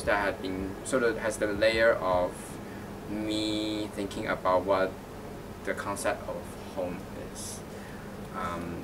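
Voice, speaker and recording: Recorded from a distance with music underneath and background noise, a Taiwanese artist and art teacher responds thoughtfully to interview questions in a gallery. His voice is lowish, and his answers contain many fillers and restarts.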